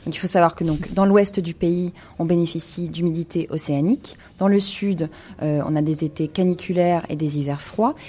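Low mellow-voiced woman explaining. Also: steady tone, brisk, slightly rough. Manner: hesitant, many fillers. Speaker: wine columnist. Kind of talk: casual radio-style wine segment.

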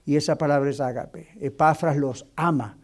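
Pastor with a dark, fairly high voice. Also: male voice, normal speed. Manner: sprinkles English fillers and keeps asking the class "right?". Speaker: pastor teaching a Bible class. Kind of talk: conversational Bible teaching. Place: church classroom in the United States.

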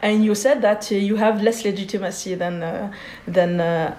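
A woman in her forties from Switzerland, a guest in an interview, speaking thoughtfully with many pauses and fillers. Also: medium pitch, steady tone, darkish tone, reverberant.

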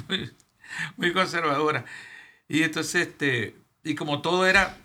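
A middle-aged man, a pastor, telling a personal testimony haltingly with repetitions. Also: a little high, sharp tone. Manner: halting, repeats himself, laughs between phrases. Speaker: pastor, guest.

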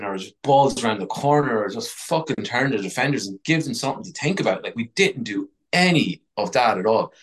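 A man's voice: fairly low pitch, poor audio. A man with an Irish accent in casual sports discussion, blunt, sweary and frustrated. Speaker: football podcast panellist.

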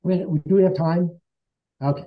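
A man's voice: high-pitched, fairly even intonation, moderate pace. A man being interviewed as a guest, telling a personal story in an earnest, conversational way and acting out remembered dialogue. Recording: dull lo-fi sound.

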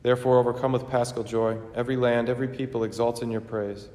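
Here a man in the role of a priest celebrating Mass intones liturgical prayers with solemnity, his medium-pitched voice level in tone, somewhat mellow, and quick. Long reverb from the spacious church hall surrounds him, along with faint noise.

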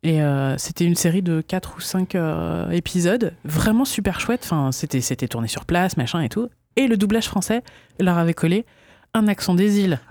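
A woman's voice: lowish voice, lively intonation, normal speed, darkish tone, no echo. A woman chatting casually, telling a story with many restarts and fillers. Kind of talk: casual chat.

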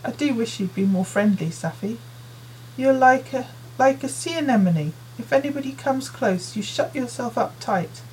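A woman reading as a brisk nagging mum. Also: on the high side, animated, a little mellow, slight background noise, pitched above the performer's own voice, lightly acted, rough recording. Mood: coaxing. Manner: nagging, brisk, giving lists of chores. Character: busy, fussing working mother in her forties. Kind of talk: audiobook character voice.

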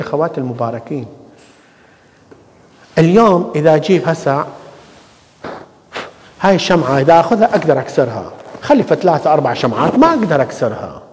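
A man with an Iraqi Arabic accent preaching a sermon as a priest, building his points with rhetorical questions and repeated phrases. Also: on the high side. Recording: long church reverb.

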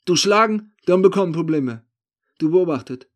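A man's voice: high voice, normal speed, darkish tone, voice pushed up. A man doing a nervous shifty street thief. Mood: haggling. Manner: broken German, agitated and pleading.

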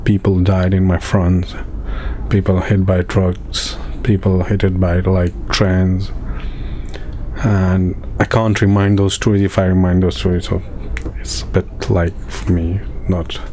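Low, flat-voiced man. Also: slight background noise. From Afghanistan. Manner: halting, with many fillers and restarts. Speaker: interviewee, refugee in a camp. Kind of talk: personal testimony in an interview.

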